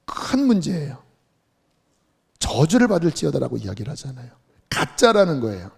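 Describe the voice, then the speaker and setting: Man, pastor, church sermon, husky voice, fairly high pitch. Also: normal speed. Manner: animated preaching, drops to soft whispers for prayers. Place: church sanctuary.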